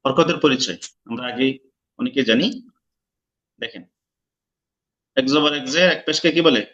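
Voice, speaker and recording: A man's voice: medium pitch, normal speed, a bit bright, dull audio. A man teaching an online lesson, explaining step by step and quizzing his students. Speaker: Quran recitation teacher.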